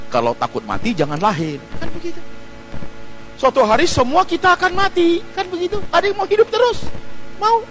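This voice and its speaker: A man's voice: on the high side, fairly bright tone, rough recording. A man preaching a church sermon, joking with the congregation, asking rhetorical questions and dropping in English phrases. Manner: jokey, peppered with rhetorical questions. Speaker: pastor. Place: church service.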